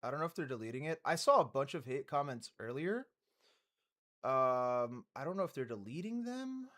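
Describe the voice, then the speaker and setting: A man's voice: mid-range voice, big pitch swings, normal speed, a bit bright. A man giving casual, rambling reaction commentary on music news as a streamer, swearing and laughing often.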